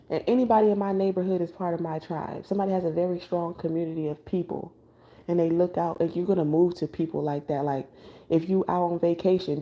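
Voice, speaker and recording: A tarot reader who hasn't slept all night gives a loose, blunt spiritual monologue late at night, full of filler words, restarts and casual swearing. Her voice is mellow and mid-range, and the recording has its highs cut off.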